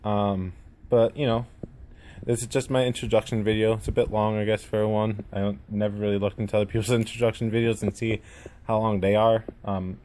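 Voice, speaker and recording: Man, low mellow voice, lisp with drawn-out S's, casual rambling vlog, some background noise. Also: flat delivery. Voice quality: lisp with drawn-out, slurred S sounds. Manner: rambling, self-effacing. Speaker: gaming YouTuber introducing himself. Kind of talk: casual unscripted vlog to camera. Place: indoors at home. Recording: noticeable room noise.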